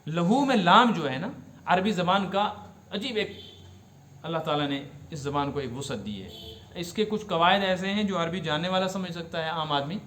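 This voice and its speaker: بلند آواز، گونجتا ہوا کشمیری لہجے والا بزرگ مفتی. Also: male voice, a little high, animated, a bit bright, echoey room, slight background noise. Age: older. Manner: explanatory, asks the audience questions and repeats Arabic words slowly. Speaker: mufti teaching Quran commentary. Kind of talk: religious lesson.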